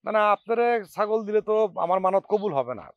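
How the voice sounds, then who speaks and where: A young actor playing a cheeky, teasing brother-in-law in a TV drama. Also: male voice, high-pitched, expressive, fast, no room sound, lo-fi sound. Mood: mocking. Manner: teasing, sarcastic. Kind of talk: TV drama acting.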